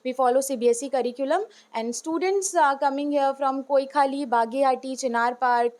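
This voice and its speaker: A woman's voice: high voice, slow pace, a little mellow. A woman teacher answering interview questions earnestly, switching between Hindi and English with frequent "uh" fillers. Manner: earnest, heartfelt. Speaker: school teacher.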